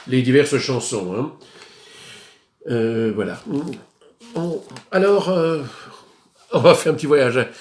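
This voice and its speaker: A man's voice: mid-range voice, a little mellow. A man presenting his record purchases in a casual video, speaking hesitantly with many fillers. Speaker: record collector vlogger. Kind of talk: casual show-and-tell of purchases. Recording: echoey room.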